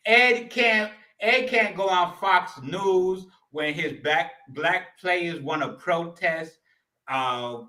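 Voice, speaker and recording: Brief: male sports-talk co-host, bright and sharp voice, slangy, cuts in a lot. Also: sits high. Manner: quick, slangy, talks over his co-host. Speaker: podcast co-host. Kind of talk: casual sports chat.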